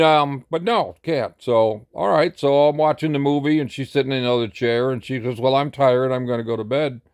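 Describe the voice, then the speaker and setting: A man's voice: medium pitch, gravelly. An older American man telling a long, rambling dating story in a casual, blunt and sometimes profane way. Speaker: vlogger.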